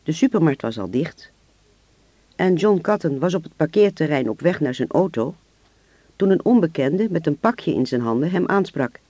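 A man narrating a radio-drama story in a steady, measured way. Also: fairly high pitch, no echo.

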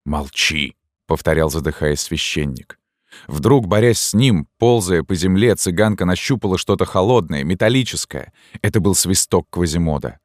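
A man reading a classic novel aloud as scripted audiobook narration, steady and measured. His voice is very deep, and the recording is close and dry, with no room sound. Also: dry recording.

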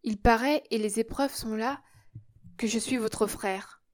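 A woman reading the part of a loyal, warm-hearted young male worker, speaking tenderly and earnestly. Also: a little high, a little slow, close to an everyday voice. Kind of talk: audiobook character reading.

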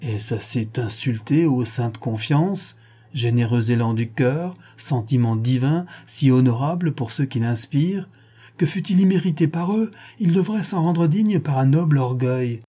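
A man's voice: mid-range voice, animated, measured pace, mellow, slightly rough. A man reading an impassioned young son. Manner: impassioned, earnest. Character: idealistic fervent young son.

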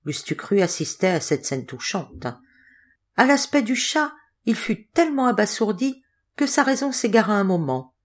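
A woman reading a storybook audiobook aloud in an expressive, measured way. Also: medium pitch. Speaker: audiobook reader. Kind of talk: storybook narration.

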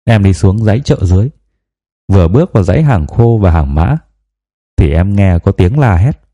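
A male audiobook narrator reading a first-person novel in a confiding, reflective way. His voice sits very low and sounds mellow and warm. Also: animated, moderate pace, lo-fi sound.

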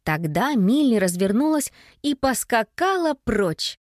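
A woman narrating a children's audiobook in an expressive storytelling manner. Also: fairly high pitch, unhurried.

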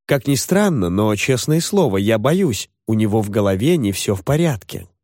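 A kindly, fussy older gentleman, voiced by a male narrator speaks politely and nervously, with a lively, varied tone. The recording is close and dry. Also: fairly low pitch, moderate pace, no room sound. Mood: startled.

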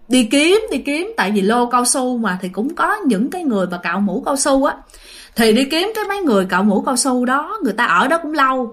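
A woman with a high, lively voice narrates ghost stories in casual spoken storytelling. She's chatty and addresses listeners directly.

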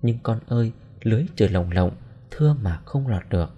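Give me a man playing a remorseful, tearful old mother from a storybook, husky and warm. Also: fairly low pitch, animated, fairly quick, dull audio. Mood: pleading. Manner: pleading, tearful. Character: grieving older mother confessing her crimes.

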